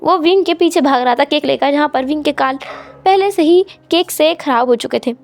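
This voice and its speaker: A woman narrating a fanfiction story in a lively, expressive storytelling manner. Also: sits high, fairly quick.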